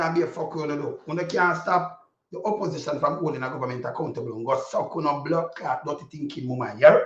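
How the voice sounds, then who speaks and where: A Jamaican man giving an informal political rant in Patois, blunt and indignant, with heavy swearing. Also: on the high side. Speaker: political commentator. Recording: dull lo-fi audio, echoey room.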